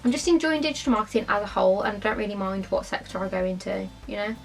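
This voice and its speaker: A young British woman, a vlogger who's a bit tipsy, chats to camera in a casual, blunt Q&A style. Her voice is medium-pitched, quick and creaky.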